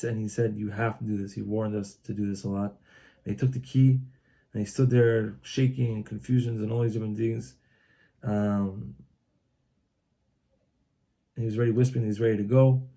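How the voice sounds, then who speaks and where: Gravelly dark-voiced man retelling a text. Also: medium pitch. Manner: translates as he reads, halting with restarts. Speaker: reader retelling a religious text. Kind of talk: loose spoken retelling of a book. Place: Old City of Tzfat, Israel.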